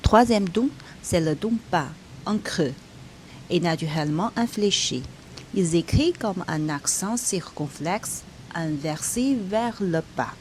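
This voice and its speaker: A woman leads a pronunciation lesson at a deliberately slow pace. Her voice sits fairly low, and she demonstrates each sound by repeating syllables clearly. A faint hiss is audible behind her. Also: expressive, a little mellow. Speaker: Chinese teacher.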